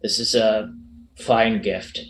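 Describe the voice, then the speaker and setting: A man voicing a gruff, sentimental old sea dog, like an old fisherman, speaking with earnest formality in a tabletop game. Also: fairly low pitch, little pitch movement, takes it slowly, fairly bright tone, reverberant. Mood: humble, grateful. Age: older.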